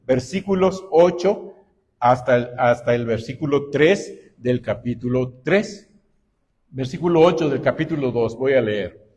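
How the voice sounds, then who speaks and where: Pastor que predica despacio y pausado. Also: male voice, medium pitch, a little mellow. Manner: slow and deliberate, often adding "¿verdad?". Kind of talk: sermon. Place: church.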